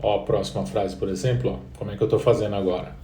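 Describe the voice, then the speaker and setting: A man with a Brazilian Portuguese accent teaching an English lesson, patiently repeating each phrase slowly for the learner. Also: fairly low pitch, fairly even intonation, mellow, slight background noise. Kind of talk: online language lesson. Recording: roomy echo, distant from the mic.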